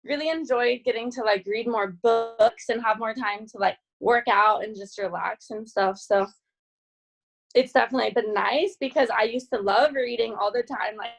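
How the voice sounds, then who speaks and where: A young woman from California chats as a podcast guest, her voice set a little high with a gravelly fry. She talks casually, laughs often and scatters "like" through her sentences. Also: normal speed, poor audio. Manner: chatty, laughs often, many "like" fillers. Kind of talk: casual chat.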